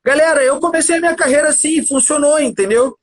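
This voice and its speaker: A man appearing on a livestream recounts a story fast and animatedly in a very high voice, repeatedly addressing the listener as "cara" in a casual tone. A slight hiss or hum sits under the audio.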